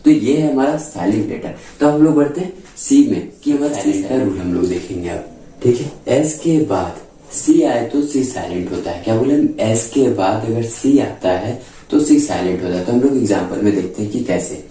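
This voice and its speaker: Mellow-voiced male teacher in an echoey room. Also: on the low side, expressive, recorded from a distance. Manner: repeats points, frequent "ठीक है" and "क्या बोले" checks; slows down to spell out letters. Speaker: English teacher. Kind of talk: classroom-style grammar lesson.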